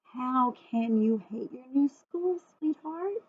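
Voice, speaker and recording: Lady doing a man in a kids book, coaxing but firm, singsong, kinda high and slow. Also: expressive, slightly rough, full character voice. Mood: cheerful reassurance. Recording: phone-like, muffled thin audio.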